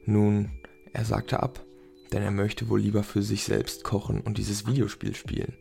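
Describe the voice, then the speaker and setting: A man's voice: fairly low pitch, monotone, unhurried, creaky, mellow, soft background music. A man voicing a father who explains things in a dry, matter-of-fact way.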